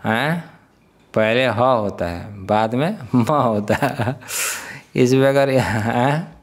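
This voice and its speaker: A male spiritual teacher leads a scripture class at a middle pitch. He keeps asking his listeners questions, chuckles now and then, and slowly drills the pronunciation of syllables. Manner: questioning, quizzes the listeners often. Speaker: Vedanta teacher.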